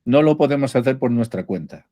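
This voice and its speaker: A middle-aged man from leads a spiritual class, preaching in an emphatic, unhurried way. His voice sits at a medium pitch for a man. The recording is dry and close, with almost no room echo. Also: expressive, dark tone, highs cut off. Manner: slow, emphatic preaching with humor. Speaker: spiritual teacher.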